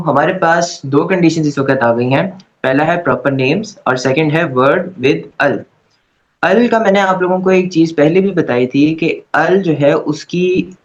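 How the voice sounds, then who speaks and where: A male teacher explains grammar to his class with patient, step-by-step care, often pausing to check that everyone is following. His voice sits a little high for a man. The recording is dull and lo-fi. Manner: patient, repeats "okay" to check understanding. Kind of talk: online class lecture.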